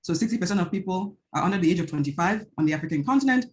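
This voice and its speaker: Rapid-fire and expressive, a woman from Nigeria with a Nigerian accent and a lowish voice presents earnestly as a researcher on an academic panel via video call. She frequently asks "right?" and restarts her sentences while thinking.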